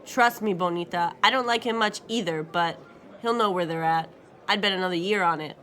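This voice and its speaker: A woman's voice: fairly low pitch, fairly quick, sharp tone. Woman voicing an affectionate old thief father. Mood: coaxing. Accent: Spanish. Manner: affectionate, teasing, confident. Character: aging male career thief, warm doting father.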